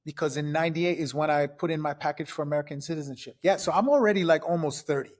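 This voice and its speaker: A man in his fifties from Trinidad, a podcast guest telling his past in a casual, lively way, step by step. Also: fairly high pitch, fast talker. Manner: lively, recounts events step by step. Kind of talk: casual storytelling.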